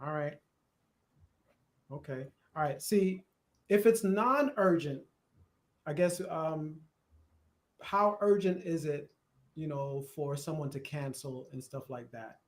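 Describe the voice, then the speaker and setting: A man with a Jamaican accent hosting a live church discussion, chatty and animated, laughing at times as he explains. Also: on the high side, slow pace, pauses often. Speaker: host. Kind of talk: casual discussion on church worship. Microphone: live stream.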